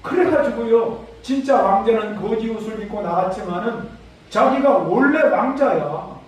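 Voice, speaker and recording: Speaking in a high, animated voice at a moderate pace, this man preaches a Sunday sermon as pastor, pressing his points hard and reading from scripture. The setting is a large church sanctuary mid-service, and the mic sits far away in the echoing hall.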